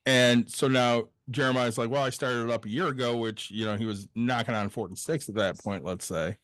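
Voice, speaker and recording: A man's voice: medium pitch, steady tone, brisk, fairly bright tone, dry recording, clean studio sound. A man in his forties co-hosting a casual podcast, blunt and jokey, swearing freely. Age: 40s. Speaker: podcast co-host.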